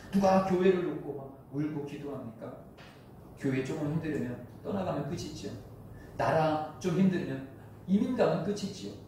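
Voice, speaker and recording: Male pastor, passionate preacher who swings from hushed to loud, a touch high-voiced, recorded from afar in a booming reverberant hall with a faint rumble behind. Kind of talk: sermon. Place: church sanctuary. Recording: very echoey hall, from a distance.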